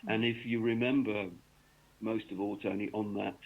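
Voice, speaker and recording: On a tinny phone connection, a man from North East England who writes cricket books describes his work on the radio at a normal speed. His fairly low voice is flat, and his rambling answers are peppered with ums and restarts.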